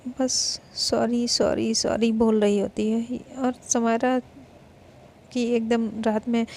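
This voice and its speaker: A woman from India tells a romance story in a loose, improvised way, slipping English words in as she goes. Her voice is gravelly and mellow, with a darker tone and a slightly high pitch. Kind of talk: casual spoken story narration.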